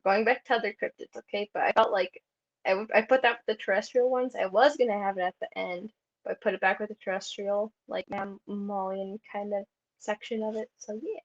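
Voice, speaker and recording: Chatty woman with a gravelly, fry-tinged voice. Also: medium pitch, steady tone, a little fast. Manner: chatty, heavy use of "like" fillers. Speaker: convention panel presenter. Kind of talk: casual presentation. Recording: dull lo-fi recording.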